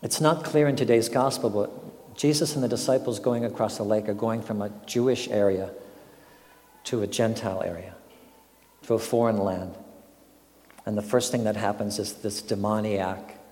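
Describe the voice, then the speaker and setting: Speaking at a normal pace in a steady tone, an older pastor gives a thoughtful sermon built on stories and recurring questions. His mellow, low voice rings with echo across a big hall.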